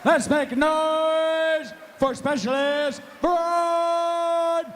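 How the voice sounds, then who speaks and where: Slow, high-shouting male boxing ring announcer. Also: steady tone, over a noisy crowd, heavy background noise. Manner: drawn-out, booming showman delivery.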